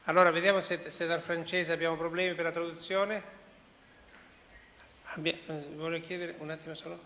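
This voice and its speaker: A man's voice: on the high side, flat delivery, brisk, sharp tone. A man moderating a conference session, giving speakers directions in an organizing way with a few restarts. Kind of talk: chairing a session. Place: large conference hall. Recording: echoey hall, faint hiss.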